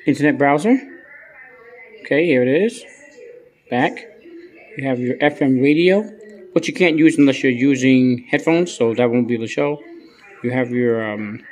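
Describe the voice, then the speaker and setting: An American gadget reviewer hosts a casual vlog in a mid-range, darkish voice, using slangy phrases and often repeating his words.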